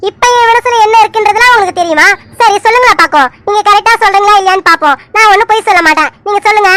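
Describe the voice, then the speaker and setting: A woman voicing Poomari, a playful and quick-tempered young village woman in an animated serial, who argues in rapid, indignant bursts. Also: very high-pitched, a little hiss or hum. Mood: teasing. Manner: indignant, rapid back-and-forth arguing. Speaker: cartoon character.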